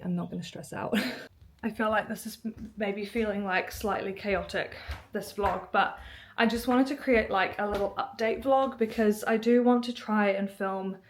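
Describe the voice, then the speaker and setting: A young woman talks through her home in a casual vlog. Her voice sits at an ordinary middle pitch. She is bubbly and chatty, dropping plenty of "like" as she goes. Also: steady tone, normal speed. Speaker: vlogger. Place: at home indoors.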